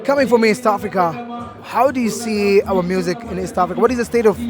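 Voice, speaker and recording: High-voiced radio host amid a crowd. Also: male voice, a little fast, over music. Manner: hype radio presenter, enthusiastic interjections. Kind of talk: live radio interview at a busy event. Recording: crowd noise behind the voice.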